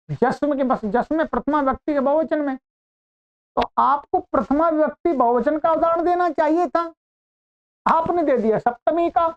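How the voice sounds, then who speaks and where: Woman Sanskrit grammar teacher, high and unhurried, patient explanatory delivery, dull lo-fi audio. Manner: slow, explanatory, repeats points with "ठीक है". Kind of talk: online grammar lecture.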